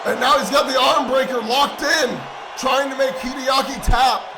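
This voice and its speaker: Male wrestling commentator, very high voice, yells at big spots, loud crowd and music under him. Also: steady tone, moderate pace. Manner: erupts into shouts at big moves. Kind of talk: excited play-by-play commentary. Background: crowd noise and music.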